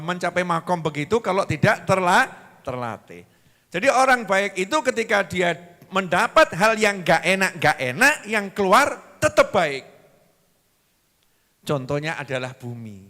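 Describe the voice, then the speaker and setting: A man's voice: high-pitched, sharp tone. A man with a Javanese accent preaching a sermon, telling stories and acting out both sides of the dialogue in shifting voices. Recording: long hall reverb.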